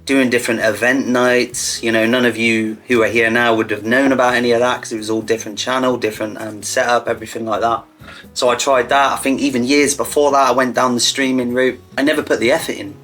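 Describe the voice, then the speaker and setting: A man's voice: medium pitch, fairly bright tone. A man chatting casually to camera in a blunt, sweary, self-mocking way, as host of an online video. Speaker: online content creator hosting a hot wing challenge.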